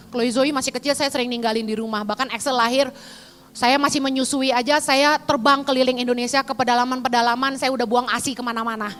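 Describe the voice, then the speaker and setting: A woman preaching a sermon with personal testimony, telling her story in an animated, dramatic way with sudden high bursts. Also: long reverb tail.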